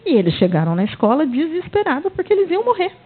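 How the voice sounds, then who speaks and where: A woman's voice: sits high, big pitch swings, fast talker. A middle-aged woman with a Brazilian Portuguese accent, giving a university talk and telling classroom stories. She tells them expressively and acts out the quoted dialogue. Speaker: university lecturer. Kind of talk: academic talk with classroom anecdotes. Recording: tinny phone-like audio.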